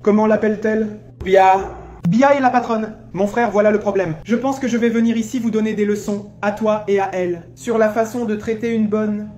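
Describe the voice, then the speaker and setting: A man's voice: high-pitched, steady tone, fairly quick, natural voice. A man playing a grumpy bossy old man. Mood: lecturing. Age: older. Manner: overbearing, lecturing, loud complaints. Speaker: visiting father.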